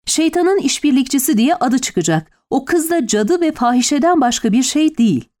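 A woman doing a shrill, furious jealous noblewoman. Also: animated, normal speed, darkish tone.

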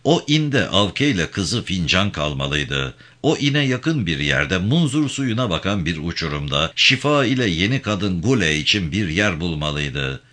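A man reading a novel aloud, telling the story in a measured way with vivid emphasis. His voice is very low yet bright and forceful. His pitch moves a lot as he narrates. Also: sing-song. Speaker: audiobook narrator.

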